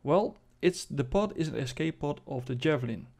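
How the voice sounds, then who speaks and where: A man giving casual commentary as host of a game showcase, halting and thinking aloud as he demonstrates. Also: on the high side, lively intonation, darkish tone. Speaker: video host presenting a game spaceship.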